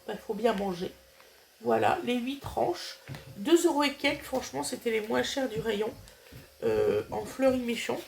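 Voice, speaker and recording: A woman's voice: on the high side, vocal fry, a little hiss or hum. Woman with a stuffy cold, chatting. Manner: chatty, hesitant with many fillers. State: nasal, has a cold. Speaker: vlogger showing a grocery haul. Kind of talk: casual chatty haul vlog.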